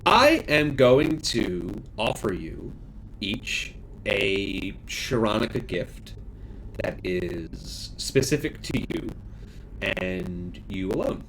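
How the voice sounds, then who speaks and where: A man's voice: on the low side, very animated, slow, gravelly, fairly bright tone, slight background noise, heavily acted, rough recording. A man voicing an odd floating female restaurant hostess in a tabletop game, chatty and offhand.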